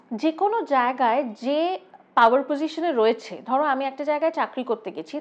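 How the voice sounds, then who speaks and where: Fast high-voiced Bengali woman arguing earnestly. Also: lo-fi sound. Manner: earnest, argumentative, thinks aloud with fillers. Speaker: discussion guest. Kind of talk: reflective discussion.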